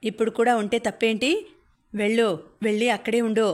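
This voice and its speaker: A woman's voice: on the high side, flat delivery, brisk, natural voice. A woman voicing a worried, doting middle-aged mother who pleads and fusses over her daughter, in an audiobook. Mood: pleading.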